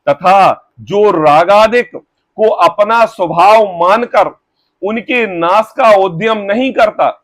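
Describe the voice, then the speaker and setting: A man teaching scripture in a religious discourse, reading passages slowly and explaining them with rhetorical questions and everyday examples. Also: sits high, fairly bright tone, dry recording. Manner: reads text slowly, then paraphrases.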